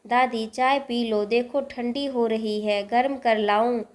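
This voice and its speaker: A woman's voice: a little high, steady tone, slow pace, a little mellow. A woman voicing a sweet, caring granddaughter. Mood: coaxing, caring. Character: caring, innocent young granddaughter.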